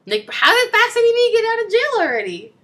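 Bright, lively young woman gamer. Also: extremely high pitch, brisk. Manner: playful, giggly, reads game text aloud. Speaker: let's play co-host. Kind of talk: casual gameplay chat.

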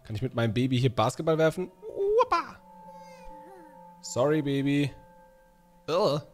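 Excitable man doing game commentary. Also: medium pitch, fairly quick, soft background music. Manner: excitable, talks to the game baby in slangy banter. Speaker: gaming YouTuber. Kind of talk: casual let's-play commentary.

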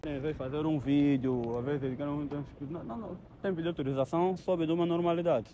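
A man's voice: fairly high pitch, steady tone, fast. A young man with an Angolan accent explaining things casually and repetitively as he is interviewed outdoors. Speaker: caretaker being interviewed. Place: outdoors on a rooftop above the city. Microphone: handheld mic held by interviewer. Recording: open-air handheld with background noise.

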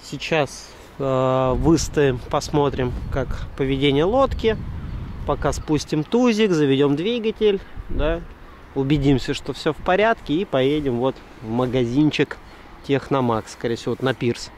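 A man's voice: mid-range voice, lively intonation, unhurried. A man giving casual, playful running commentary outdoors while filming, picked up by a camera microphone. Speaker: sailing vlogger. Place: outdoors, mostly on a sailing boat deck. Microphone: handheld camera microphone. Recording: loud wind and boat engine noise. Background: wind, water and boat noise.

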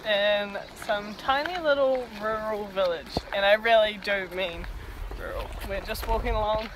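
A woman's voice: mid-range voice, unhurried. A young woman in her twenties chatting wryly to a phone held at arm's length while touring outdoors in a river gorge. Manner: chatty, wry asides. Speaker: travel vlogger. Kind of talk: casual travel vlog to camera. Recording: outdoor noise behind voice.

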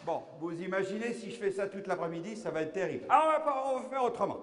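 High-pitched older man, silly clown in echoey hall. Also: animated, fast talker, fairly bright tone. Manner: silly clown, exclamatory, playfully muddled. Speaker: clown entertainer at a children's show. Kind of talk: live children's clown show, addressing the audience. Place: large school hall, on stage. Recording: echoey hall, children's crowd noise.

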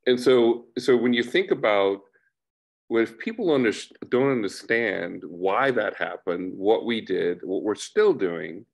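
A middle-aged man speaks on a panel over a webcam, his voice lowish and gravelly. He explains in an earnest, deliberate way, building his points step by step. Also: lively intonation. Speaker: panelist, former town board member. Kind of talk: panel discussion over video call. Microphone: video call webcam.

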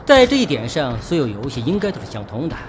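A man's voice: medium pitch, huge pitch swings, fast, background noise. A man doing playfully boastful gameplay commentary, talking to himself as he plays. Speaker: gaming video host. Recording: game gunfire over the voice. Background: loud gunfire and clicks from a shooter game.

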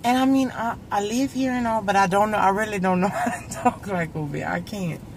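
A woman's voice: mid-range voice, fairly quick. A woman from Ohio chatting casually as a reluctant pupil and co-host on a comic vlog in a car. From Ohio, United States. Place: inside a parked car. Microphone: camera at dashboard distance. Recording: some noise, car interior.

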